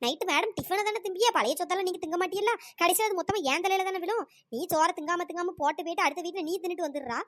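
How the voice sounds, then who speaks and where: A woman voicing a sharp-tongued old mother-in-law in a cartoon, scolding and sarcastic. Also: very high-pitched, racing, dry recording, clean studio sound. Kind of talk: cartoon dialogue with pitch-raised voice.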